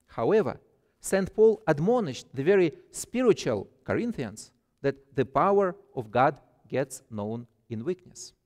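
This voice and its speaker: A middle-aged man with a Russian accent, a guest pastor reading a sermon from the pulpit in a measured, deliberate way. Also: a little high, very animated, darkish tone, big-room sound. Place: church sanctuary, at a pulpit.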